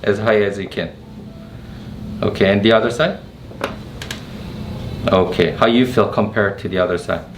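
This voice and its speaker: A man's voice: on the low side, moderate pace, pauses often. A man working as a chiropractor, guiding a patient through treatment with short, simple, reassuring instructions. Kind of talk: casual hands-on instruction to a patient. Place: indoor treatment room. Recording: echoey room with clear background noise.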